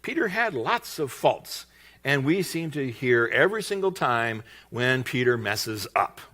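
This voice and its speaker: Lively, bright-voiced male pastor. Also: mid-range voice, measured pace. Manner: lively storytelling, acting out voices in quoted lines. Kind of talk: sermon. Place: church.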